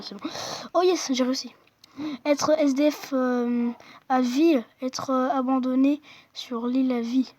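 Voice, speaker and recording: A young speaker with a high, light voice chats loosely with viewers while tapping through a quiz game. The talk is slangy and offhand, picked up by a phone microphone. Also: a little hiss or hum. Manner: chatty, slangy, talks to viewers. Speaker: gamer playing a quiz app. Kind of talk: casual gaming commentary.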